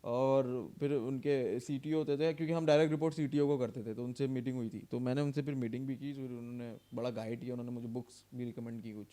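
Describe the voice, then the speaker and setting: A young man, telling a workplace story on a podcast in a lively, laughing way, acting out the dialogue. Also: medium pitch, quick pace, few pauses. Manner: animated, acts out dialogue, laughs often. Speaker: podcast co-host. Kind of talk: casual storytelling chat.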